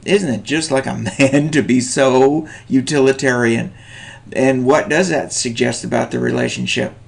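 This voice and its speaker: A middle-aged man lecturing on a short story, animated, with chuckling asides and many fillers. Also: mid-range voice, moderate pace, gravelly. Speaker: teacher.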